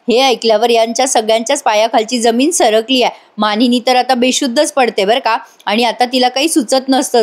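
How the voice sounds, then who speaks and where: A woman narrating a voice-over recap of a TV serial, chatting directly to viewers and adding scolding asides. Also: a little high. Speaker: TV serial reviewer.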